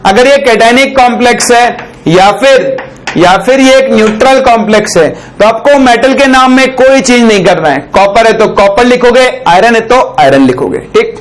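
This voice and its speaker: A male teacher explaining a chemistry rule, often asking the class a question and then answering it himself. He stops to dictate phrases slowly for note-taking and keeps checking in with a short "okay". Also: extremely high pitch, rough recording. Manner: dictates slowly while writing on a board; ends phrases with a checking "ठीक". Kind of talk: chemistry lesson.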